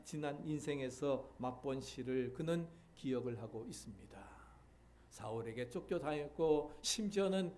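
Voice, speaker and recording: A middle-aged man from Seoul, a pastor delivering a sermon in a measured way, pausing often with fillers. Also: a little high, a little mellow. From Seoul, South Korea. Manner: measured preaching with frequent filler pauses.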